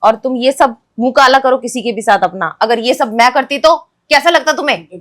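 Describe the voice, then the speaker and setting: In a comic family skit, a woman plays a young wife confronting her cheating husband with sharp, sarcastic accusations. Her voice sits high and runs a little fast, with an accusing mood.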